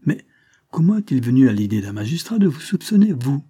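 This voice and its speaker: A man's voice: medium pitch, sing-song, a little fast, dark tone, husky. A man reading a novel aloud, voicing an inquisitive police agent who asks pointed questions. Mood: startled.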